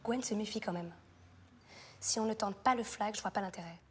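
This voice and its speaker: An actress playing a cocky young police trainee. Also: female voice, mid-range voice, a little hiss or hum, lightly acted. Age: young adult. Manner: cocky, blunt, quick. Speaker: trainee police officer undercover. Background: loud music score.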